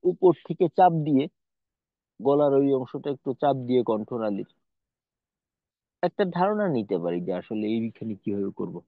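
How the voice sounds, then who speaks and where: A man's voice: mid-range voice, big pitch swings, normal speed, long pauses, no room sound. A man teaching Quran pronunciation in an online lesson, explaining patiently and demonstrating sounds. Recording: dry, tinny phone-like audio.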